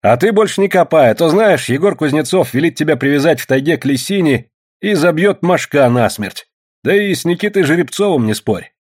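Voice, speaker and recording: A man voicing Pakhom, a calm, steady older male prospector who speaks in measured, admonishing tones. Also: fairly high pitch, voice pushed up. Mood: stern.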